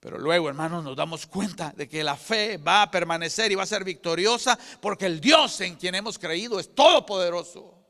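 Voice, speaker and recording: An older man preaching a sermon as pastor, with fervent delivery that moves from loud proclamation to hushed whispers. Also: high-pitched, animated, brisk, few pauses. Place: church sanctuary. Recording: church hall with long reverb.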